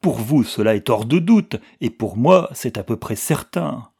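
A man's voice: mid-range voice, expressive, unhurried, gravelly, warm tone, slightly rough, exaggerated voice. A man voicing a tearful, anxious old pastor who pleads and frets, in an audiobook reading. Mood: pleading. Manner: pleading, flustered.

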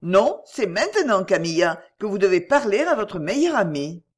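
A woman's voice: medium pitch, very animated, normal speed. A woman reading aloud and voicing a worried, watchful middle-aged mother who presses her daughter urgently. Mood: anxious pressing.

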